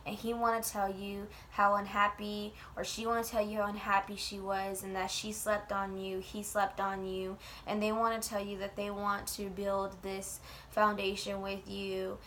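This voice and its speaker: A woman gives an informal tarot reading in a bright, mid-pitched voice. She speaks bluntly and colloquially, as if chatting, and swears freely. There is some noise behind her. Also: level tone, moderate pace. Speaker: tarot reader.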